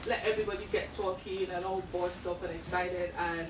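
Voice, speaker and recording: A woman's voice: lowish voice, steady tone, fairly quick. A woman from Nigeria, hosting a book club chat before a live audience and laughing often with them. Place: library event room with an audience. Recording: echoey room, mic far off, noisy.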